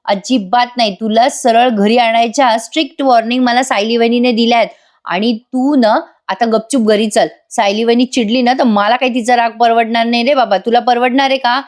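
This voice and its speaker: A woman's voice: on the high side, steady tone, normal speed, lightly acted. A woman reading as a joking young man. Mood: teasing. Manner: joking, teasing. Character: teasing young man, playful joker.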